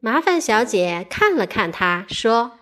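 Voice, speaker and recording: A mother reading a picture book aloud to children in an expressive, playful way. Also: a little high, a little slow. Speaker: mother storyteller.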